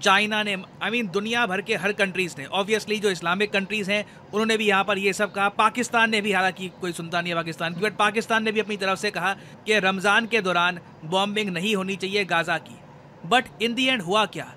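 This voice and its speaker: A man's voice: high voice, steady tone, brisk, bright, forceful tone, a little hiss or hum. A man explaining current affairs to viewers in a conversational, code-mixed lecture style. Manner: Hindi-English code-mixing, conversational explaining.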